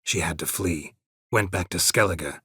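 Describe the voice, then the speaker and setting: A male actor gives a low, gravelly, husky voice to a world-weary, stoic video game monster hunter, speaking at normal speed. His terse, deadpan delivery comes across as dry and questioning. It's heavily acted, recorded without room sound.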